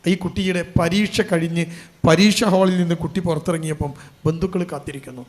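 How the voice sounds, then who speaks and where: A man's voice: a little high, fairly even intonation, fairly quick. A man preaching a sermon as an Islamic preacher, telling a story with feeling and building to emphatic appeals.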